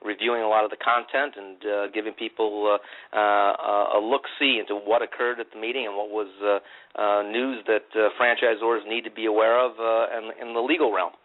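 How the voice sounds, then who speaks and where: A man from Maryland, co-producer of a radio talk show, speaking casually in a halting way, with repeated words and many uhs. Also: on the low side, flat delivery. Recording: tinny phone-line radio audio.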